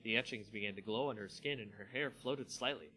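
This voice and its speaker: Over background music, a channel host gives a dramatic reading of a fantasy story, dropping in casual asides as he narrates. His fairly low voice is a little fast, pushed and bright.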